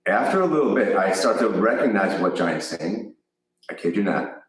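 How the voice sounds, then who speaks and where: A low-voiced man with a Chicago accent tells a meandering story about teaching yoga. He talks casually and keeps restarting his sentences. He sounds a little far from the mic in a very echoey room. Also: expressive, normal speed. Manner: rambling, self-correcting anecdote with laughs.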